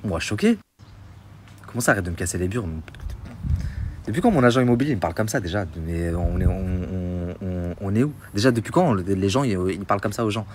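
On a phone recording with slight background noise, a man tells an indignant, casual story about a dispute for social media. His voice sits on the low side with a darkish tone, and he talks fast with lively intonation and few pauses.

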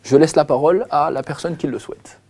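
A man moderating an online webinar, asking questions in a lively, joking way with fillers. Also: a little high, brisk.

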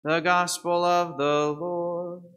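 This thirties-aged priest reads the gospel and gives a homily in a big church, quizzing the congregation and testing the children with questions. His high, smooth, slightly bright voice moves slowly with little change in pitch. Sound comes from an altar microphone, with the camera far away.

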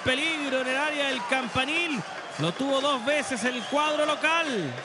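A man calling football play-by-play as breakneck goal commentary, shouting and repeating drawn-out goal calls. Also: extremely high pitch, very noisy. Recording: loud stadium crowd, music behind. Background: roaring football crowd and music.

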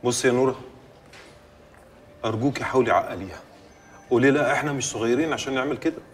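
An actor playing an exasperated young newlywed husband, speaking with an Egyptian Arabic accent in a rapid, pleading way. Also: male voice, mid-range voice, far from the mic, close to an everyday voice. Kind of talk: film drama acting. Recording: film soundtrack music behind.

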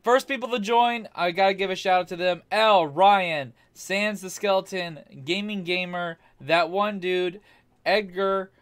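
A man's voice: high-pitched, unhurried, a bit bright, clear, resonant tone. Young man hosting a gaming stream. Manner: loose, swearing, joking with friends. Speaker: streamer host. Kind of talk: casual gaming live stream chat.

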